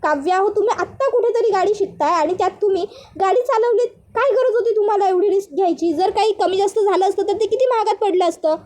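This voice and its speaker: A woman's voice: very high voice, quick pace, a little mellow. A woman voicing a short-tempered young male office boss in a retold serial, talking in a scolding, hot-headed way. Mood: worried.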